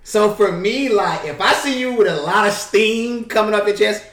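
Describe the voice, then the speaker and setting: Brief: higher-pitched male podcast co-host, lively, slangy, basketball coach, recorded roomy and a bit off-mic. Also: moderate pace, far from the mic. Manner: animated, playful, slangy, acts out bench banter. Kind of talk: casual podcast chat.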